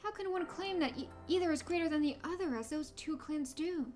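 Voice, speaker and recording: A woman's voice: extremely high pitch, brisk, darkish tone, soft background music. A woman voicing a stately, cryptic female sage from a fantasy game, speaking in a formal, archaic and grave manner. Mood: grave, instructive. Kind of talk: reading game dialogue in character.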